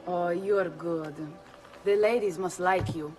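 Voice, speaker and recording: Caterina, low-voiced noblewoman. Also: steady tone, slow pace, mellow. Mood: poised, flirtatious. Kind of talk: video game acting.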